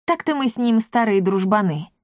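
An unflappable male companion answers in a calm, reasonable tone, as a woman reader puts him on. The sound is dry and close. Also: mid-range voice, normal speed, dry recording, close to an everyday voice.

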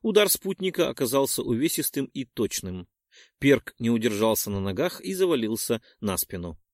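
Expressive male audiobook narrator. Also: medium pitch, moderate pace, dry recording. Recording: dry close studio sound.

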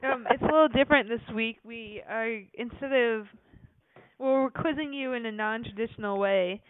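A woman's voice: fairly high pitch, moderate pace. A young woman co-hosting a podcast, chatting casually with fillers and frequent laughs. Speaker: podcast co-host. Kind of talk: casual chat. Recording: tinny phone-like sound.

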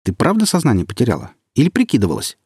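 Man voicing a bold, quick-tempered young woman. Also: mid-range voice, wildly swooping pitch, breathy edge, no room sound, clean studio sound, pitched above the performer's own voice. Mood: stern. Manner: indignant, sharp retorts.

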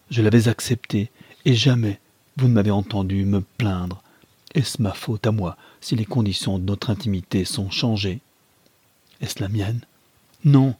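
Man voicing young male lover, ardent, reproachful, impassioned, husky tone. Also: on the low side, darkish tone, no echo.

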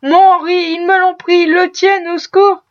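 Brief: woman reading as a panicked young mother, high and desperate, storybook, muffled lo-fi sound. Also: level tone, normal speed. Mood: frantic. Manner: frantic, crying out. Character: terrified young runaway mother, pleading. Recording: muffled lo-fi recording.

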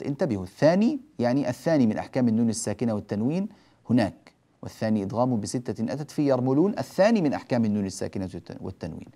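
A man teaching a lesson on Quranic recitation rules, explaining to students and pausing to recite examples slowly. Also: medium pitch, warm tone. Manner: slow demonstrative recitation of examples; explanatory, addresses students directly. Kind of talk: religious lesson on tajweed.

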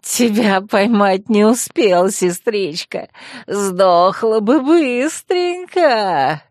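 A woman voicing a deranged, murderous man who giggles and drools, speaking in slow, drawn-out ravings in an audiobook. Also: medium pitch, animated, a little mellow, dry recording, clean studio sound. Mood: hateful. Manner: slow, sing-song ravings. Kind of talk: audiobook character voice.

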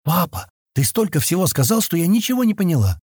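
A man's voice: high voice, big pitch swings, fast, a little mellow, slightly rough, no room sound, clean studio sound, pitched above the performer's own voice, full character voice. A man voicing a curious, talkative little girl who answers in a precise, lecturing, innocently literal way in an audiobook. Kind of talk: audiobook character voice.

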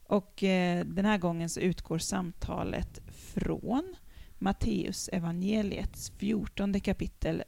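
A woman's voice: fairly low pitch, gravelly, a little mellow. A woman hosting a casual theology podcast, talking in a friendly, conversational way. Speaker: podcast host.

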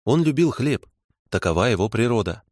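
A man voicing a calm woman investigator who lays out facts softly and pointedly. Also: mid-range voice, brisk, dry recording, studio quality.

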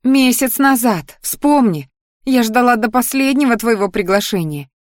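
A woman's voice: a little high, expressive, measured pace, no echo, clean studio sound, pitched above the performer's own voice. A woman voicing a jealous, spurned young academy girl who pleads and then turns spiteful. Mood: hurt, pleading.

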